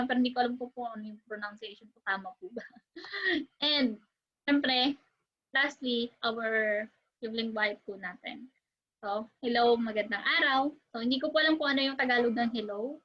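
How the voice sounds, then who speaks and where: A young woman from the Philippines with a Filipino accent, chatting casually in a vlog, giggly and self-deprecating, with lots of fillers. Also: on the high side. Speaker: vlogger. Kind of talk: casual vlog chat mixing Tagalog and English. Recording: slightly muffled with music playing behind. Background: background music.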